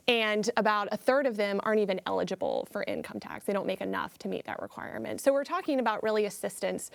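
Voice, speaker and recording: A woman speaking as a former state senator on a political panel, measured and thoughtful, with some fillers. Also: medium pitch, gravelly, dry recording. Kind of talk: studio panel discussion.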